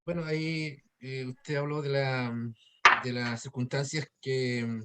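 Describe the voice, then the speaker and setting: A man's voice: mid-range voice, level tone, slow, fairly bright tone, a little hiss or hum. Hesitant male student asking a question. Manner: hesitant, full of "eh" fillers.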